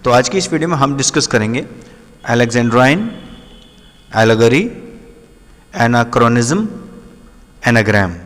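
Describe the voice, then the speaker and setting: A man teaches literary terms in a patient, explanatory way. He reads each English definition out very slowly and checks in often with his students. His mid-range voice carries a long, ringing hall reverb. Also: mid-range voice, lively intonation, a bit bright. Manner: slows down sharply to read English definitions; repetitive, checks in often with the listener. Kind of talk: explanatory lesson.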